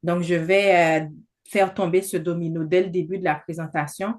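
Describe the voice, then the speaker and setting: A woman in her thirties talks a group through a business presentation on a video call. Her voice sits a little low for a woman. She is chatty and persuasive and fills her sentences with hesitations. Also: steady tone, normal speed, a little mellow. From not from Canada. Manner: chatty, many fillers, persuasive.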